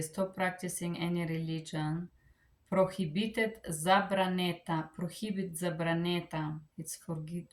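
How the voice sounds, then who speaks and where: A woman with a Macedonian accent and a slightly low voice leads a bilingual vocabulary lesson. She takes it slowly, one term after another, pausing and repeating words as an informal teacher would. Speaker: language teacher.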